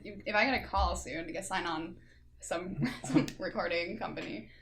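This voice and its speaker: A woman's voice: on the low side, moderate pace, noisy background. A woman co-hosting a podcast in casual chat, chatty with lots of ums and frequent giggles. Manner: giggly, laughs often while talking. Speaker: podcast co-host.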